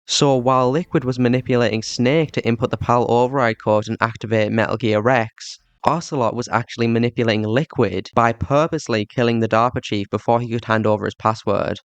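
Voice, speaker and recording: A man's voice: medium pitch, steady tone, a little fast, hardly any pauses, no echo. A man with a thick Yorkshire accent giving video commentary as host of a game retrospective, recorded on a cheap microphone. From Yorkshire, England. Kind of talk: scripted commentary, turning to casual thanks to viewers. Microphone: cheap budget microphone.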